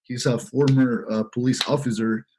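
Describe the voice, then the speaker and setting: A Peruvian man in his thirties, guesting on a podcast, tells his story in casual interview talk, rambling and earnest with heavy "you know" fillers. His voice is mid-range and dark, steady in tone, at a moderate pace, with a little hiss or hum.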